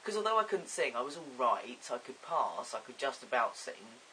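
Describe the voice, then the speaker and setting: A man talks to camera in a loose, rambling vlog, amused at himself and full of ums. His voice is bright and forceful, with a little hiss in the background. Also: mid-range voice, big pitch swings, moderate pace, low-quality recording. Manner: chatty, rambling, self-amused, frequent ums. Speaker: vlogger.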